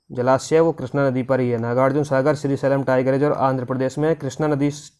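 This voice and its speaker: A man's voice: mid-range voice, a little mellow, clean tone. A male teacher with a sore throat, drilling names off a map and repeating them with memory tricks. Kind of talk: exam-prep lesson over a map.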